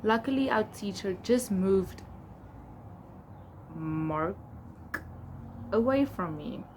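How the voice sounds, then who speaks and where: A young adult woman with a South African accent, reading aloud and chatting casually in a candid, expressive way. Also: medium pitch, slow pace. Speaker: vlogger. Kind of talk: casual reading of old diary entries with asides. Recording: clear background noise.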